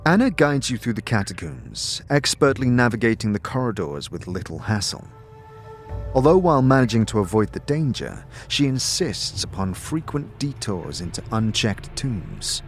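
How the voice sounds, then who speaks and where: A man narrates a fantasy audio drama, playing both narrator and a game character, in a descriptive, dramatic style with shifting emphasis. His fairly low voice is sing-song at a moderate pace, with faint music behind him.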